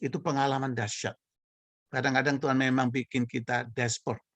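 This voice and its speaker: A man's voice: medium pitch, level tone, fairly quick, fairly bright tone, dry recording. A male pastor, preaching and telling a story, acting out the dialogue and laughing often. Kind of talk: sermon storytelling.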